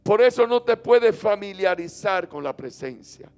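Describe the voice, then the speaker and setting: A man preaching a sermon as pastor, leading call-and-response and swinging from loud chanted lines to soft low ones. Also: expressive, unhurried. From Dominican Republic. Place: church sanctuary. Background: faint instrument music.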